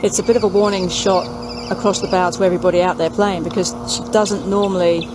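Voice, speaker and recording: A woman's voice: on the low side, little pitch movement, fast. A woman working as a golf commentator, giving conversational analysis of players and shots. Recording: clear outdoor background noise.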